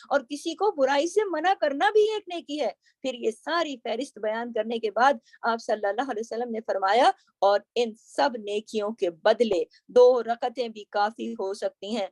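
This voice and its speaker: Woman teaching a religious class, earnest, says things twice, kinda high voice, dry room. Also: darkish tone, no room sound. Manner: earnest, repeats points for emphasis. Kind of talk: religious lecture to women.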